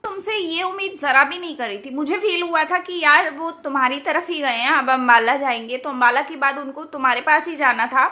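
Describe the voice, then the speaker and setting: A woman's voice: high voice, brisk, few pauses, pushed and bright. A young woman, ranting in a casual vlog and scolding with rhetorical questions. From India. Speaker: YouTube commentator.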